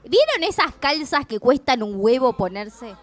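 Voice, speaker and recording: A high-pitched woman with an Argentine accent trades frank, cheeky banter as a radio co-host. Her talk is loose and playful, full of asides and jokes. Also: big pitch swings, unhurried. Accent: Argentine Spanish. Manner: playful, bawdy, laughs often. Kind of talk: casual banter on live radio.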